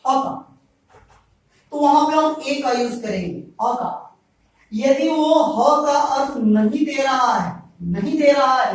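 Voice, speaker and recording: A male teacher giving a grammar lesson to students, repeating each point and answering his own questions. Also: very high-pitched. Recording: very echoey room, voice far from mic.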